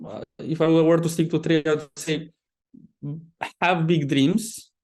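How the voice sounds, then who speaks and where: A man's voice: a little high, fairly even intonation, slow pace, a little mellow. A man with a Romanian accent answers interview questions conversationally as a property developer, often stopping and repeating words mid-sentence. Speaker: property developer, podcast guest.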